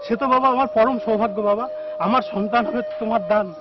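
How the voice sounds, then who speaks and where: A man's voice: very high-pitched, fairly even intonation, fast talker. An actor playing an anxious village husband who eagerly pleads with a holy man for his child. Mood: pleading. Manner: pleading and eager, calling "baba" often. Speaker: village devotee, expectant father. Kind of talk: devotional film acting. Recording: dull lo-fi film soundtrack with faint noise.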